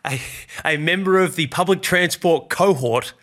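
A man's voice: fairly high pitch, normal speed, a bit bright. A man with a nasal, blocked-up voice from hay fever, hosting a casual sports chat. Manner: chatty, cautious on serious topics. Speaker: podcast host.

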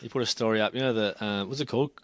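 A man's voice: lowish voice, rapid-fire, dry recording. A man co-hosting a casual podcast, teasing and jumping in often. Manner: teasing, lively, jumps in often. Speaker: podcast co-host. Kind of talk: casual chat.

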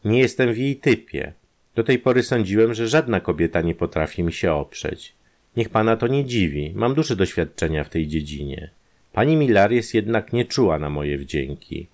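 A suave male private detective in an audio story, ingratiating and endlessly persuasive, put on by a man. He sits somewhat higher than the reader's own low register, with a lightly animated lilt as he pitches his schemes. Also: moderate pace. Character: smooth-talking male private detective, conman.

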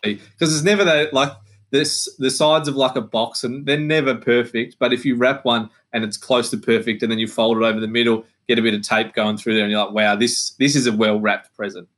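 Aussie bloke, regular pitch, chatty, keeps doing little voices of people. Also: male voice, fairly even intonation, quick pace, a bit bright. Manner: chatty, acts out other people's lines. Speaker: podcaster guest. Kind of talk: casual chat.

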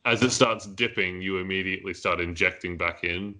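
A man's voice: sits low, fairly quick, sharp tone. A man, hosting a casual podcast discussion, rambling with many fillers. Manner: rambling, many fillers, laughs at own jokes. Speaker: podcast host. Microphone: headphones and mic.

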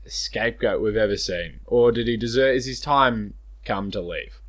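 A man's voice: on the low side, moderate pace, fairly bright tone. An Australian man hosting a casual podcast, moving the talk along with questions. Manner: steers topics with questions. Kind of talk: casual chat.

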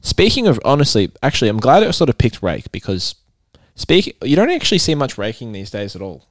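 Man, Australian accent, podcast host, casual chat, mid pitch, close dry recording. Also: very animated, brisk, no echo.

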